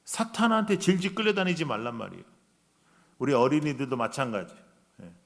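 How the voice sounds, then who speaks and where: A man preaching a revival sermon in a church, acting out voices in his story and shifting between loud outbursts and hushed lines. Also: mid-range voice, animated, a little fast, creaky. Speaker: guest preacher. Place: church sanctuary.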